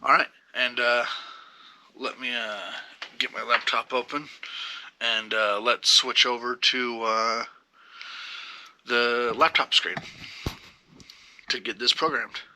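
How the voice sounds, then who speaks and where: Guy doing a chill how-to on camera, lots of uhs, corrects himself a bunch, average pitch. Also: steady tone, slow pace, pauses often, bright, forceful tone, a little hiss or hum. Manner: rambling, full of "uh" fillers and self-corrections. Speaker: toy review channel host. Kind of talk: casual how-to demonstration. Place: home recording studio. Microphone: camera mic, partly a GoPro.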